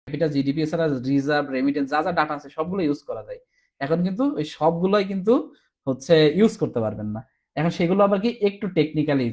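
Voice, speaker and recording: A man's voice: on the high side, a little mellow. A man teaching a recorded exam-prep class, explaining step by step and often asking "ঠিক আছে?", sounding tired. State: tired, low on energy.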